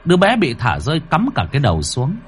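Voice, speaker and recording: A man narrating a horror story in a dramatic, highly expressive manner. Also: fast, faint music behind. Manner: highly expressive, rising to cries.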